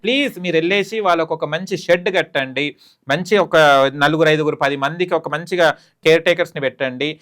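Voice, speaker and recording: A man speaks as a talk-show guest, emphatic and pleading. He talks at a rapid clip. His voice sits fairly high. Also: a bit bright. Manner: emphatic, pleading, rising in pitch when urging. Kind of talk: heated opinion talk.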